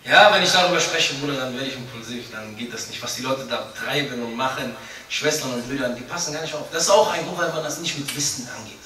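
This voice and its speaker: Young male preacher, casual and funny, bright voice, roomy far-off sound. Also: mid-range voice, quick pace, a little hiss or hum. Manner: chatty, joking, acts out little scenes. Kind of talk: informal sermon. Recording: echoey room, voice from a distance.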